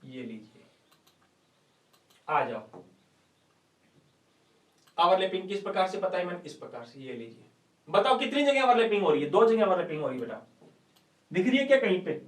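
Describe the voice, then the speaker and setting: A man's voice: high voice, big pitch swings, normal speed, long pauses. A male chemistry teacher giving an online class lecture, playful and coaxing, quizzing students with rhetorical questions and folksy sayings. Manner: calls students "beta ji", uses folksy sayings. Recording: echoey room, distant mic.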